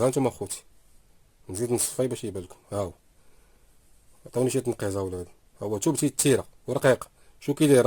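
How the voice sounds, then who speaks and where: A man's voice: mid-range voice, a little mellow, husky. A man with a Moroccan Arabic accent, demonstrating a sewing machine in his workshop and talking to viewers as he sews. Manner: talks while sewing, repeats "here you go brothers". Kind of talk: casual product demonstration. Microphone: phone camera held close while working.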